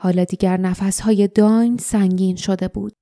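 A woman reads a fantasy audiobook in a steady, dramatic way. Her voice is mellow and dark, and it sits at a middle pitch. The recording is dry and close. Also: dry recording. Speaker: audiobook narrator. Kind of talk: scripted audiobook narration.

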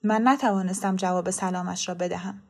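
A woman reading a story aloud in the first person, in calm narration. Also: lowish voice.

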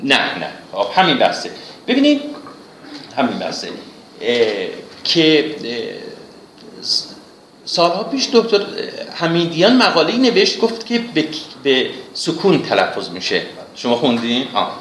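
Man explaining poetry with an animated pitch. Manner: explains patiently, checks with listeners, recites verses slowly. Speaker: literature teacher. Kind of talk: explaining classical poetry in a class. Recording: echoey room with faint noise.

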